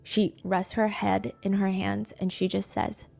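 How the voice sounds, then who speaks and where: A woman's voice: mid-range voice, little pitch movement, unhurried, gravelly, a little mellow, faint music behind. A woman hosting a true crime show, narrating in a conversational way with asides and light humor. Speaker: true crime podcast host. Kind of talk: storytelling narration.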